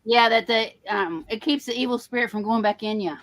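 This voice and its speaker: A woman's voice: a little high, fairly quick, fairly bright tone, no room sound. A woman from Tennessee, chatting in a live group call and laughing as she tells what she heard growing up. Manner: chatty storyteller, laughs mid-sentence. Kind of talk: casual group chat.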